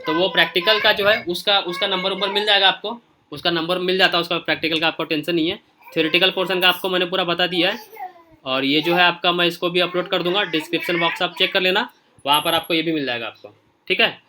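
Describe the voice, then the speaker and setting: Male teacher, bright and forceful tone, informal, talks straight to students. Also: sits high, fairly even intonation, quick pace, a little hiss or hum. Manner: informal, repeats "okay" often while scrolling through pages; speaks directly to students. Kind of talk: casual screen-share lesson.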